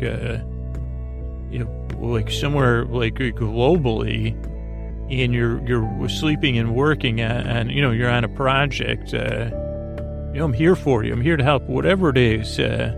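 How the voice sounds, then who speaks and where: A podcast host with a creaky, mid-range voice delivers a soothing sleep-podcast monologue. He sounds gently reassuring as he rambles, halts, repeats himself and trips over words.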